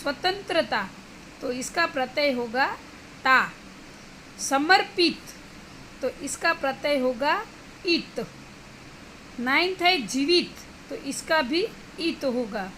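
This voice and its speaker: A woman with a Gujarati accent, teaching Hindi and explaining an exercise to students slowly and steadily, slipping English words into her Hindi. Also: sits high, animated, bright, forceful tone, a little hiss or hum, low-quality recording.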